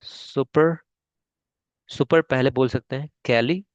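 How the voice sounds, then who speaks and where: A man's voice: medium pitch, slow, no echo, dull audio. Patient Indian English teacher, man. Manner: patient, repeats "ठीक है?" often, spells words syllable by syllable. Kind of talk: online spoken English lesson in Hindi.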